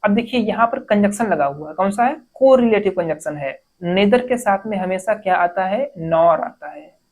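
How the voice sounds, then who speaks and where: Lady teacher running a grammar lesson, asks stuff then answers it herself, reads sentences out real slow. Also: mid-range voice, lively intonation, darkish tone. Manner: explains step by step, asking and answering her own questions; reads English sentences slowly, word by word. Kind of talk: exam-prep grammar lesson.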